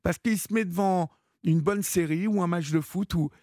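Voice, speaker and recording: A man's voice: high voice, normal speed, darkish tone, no echo, studio quality. A man hosting a late-night call-in radio show, talking in a hesitant, encouraging way with many fillers. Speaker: radio host.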